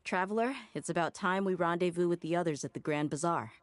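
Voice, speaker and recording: A woman voicing a calm, measured game ally. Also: on the low side, slight background noise, natural voice. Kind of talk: video game dialogue.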